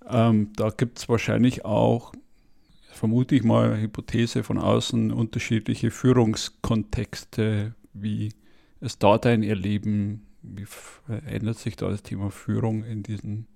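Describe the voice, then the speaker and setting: A man's voice: lowish voice, little pitch movement, measured pace, creaky, dark tone. A man interviewing a guest, asking thoughtful questions and hedging his guesses as he goes.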